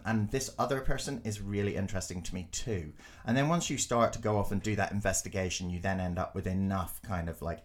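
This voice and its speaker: Guy on a podcast, lowish voice, tells stories, does little voices, swears and laughs a lot. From Glasgow, Scotland. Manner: animated, acts out quotes, laughs often, swears. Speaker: podcast co-host and design teacher. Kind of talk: casual storytelling chat.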